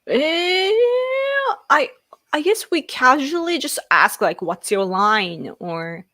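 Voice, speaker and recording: A Japanese woman in her late thirties chats casually on a live stream, laughing often as she answers viewers in Japanese-accented speech. Her fairly high voice is slow, pushed and bright, recorded with clean studio sound and no echo.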